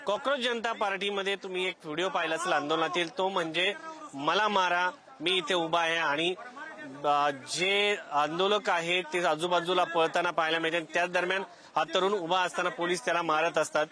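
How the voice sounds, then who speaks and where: A man reporting from the field for a news channel, explaining clearly. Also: high-pitched, fairly even intonation, normal speed, pushed and bright.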